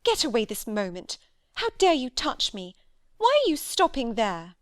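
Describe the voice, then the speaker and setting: A woman reader plays a proud young lady from an old novel, cold and haughty. Her higher voice sounds close and dry, and every line drips with disdain. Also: huge pitch swings, normal speed, dry recording. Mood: outraged.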